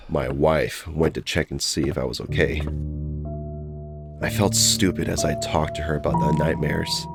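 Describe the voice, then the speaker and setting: A man narrating a scripted horror story dramatically in the first person. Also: extremely low pitch. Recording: loud music bed behind voice. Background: music.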